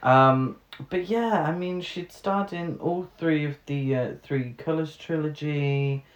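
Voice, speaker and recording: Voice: medium pitch, takes it slowly. A podcast co-host chatting casually about a film, hesitant and musing. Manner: chatty, hesitant, fillers and restarts. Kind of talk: casual film review chat. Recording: roomy sound.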